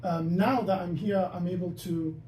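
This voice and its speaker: Here the young podcast host, not a native Dutch speaker, has a high-pitched, warm voice with steady tone at normal speed. He works through his thoughts casually in bursts, restarting often, and the audio is echoey with the mic set back and faint noise.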